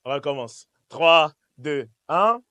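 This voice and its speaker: Fairly high, bright and forceful yet smooth, this Swiss man's voice is expressive and slow, recorded without echo but sounding muffled. A pastor at a church service, he preaches an emphatic, repetitive call-and-response sermon straight to his congregation.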